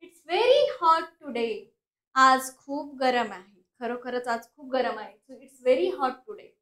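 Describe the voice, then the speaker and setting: High-voiced woman teaching spoken English. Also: animated, bright, forceful tone, roomy sound. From India. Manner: slow, drawn-out English model sentences, then quick explanations. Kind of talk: bilingual language lesson.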